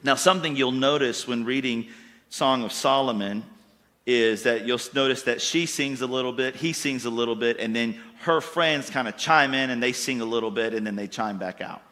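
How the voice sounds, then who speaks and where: Bright-voiced preacher man in a reverberant hall. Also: mid-range voice, normal speed. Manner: preachy, building to emphatic bursts, folksy phrasing. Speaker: pastor. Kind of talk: sermon. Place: church hall with congregation.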